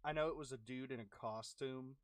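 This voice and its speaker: A man's voice: mid-range voice, dry recording, studio quality. Chatty young man with a worn voice. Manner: chatty, reacts to play with quick exclamations. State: losing his voice, clearing his throat. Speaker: gaming streamer. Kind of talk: casual gameplay commentary.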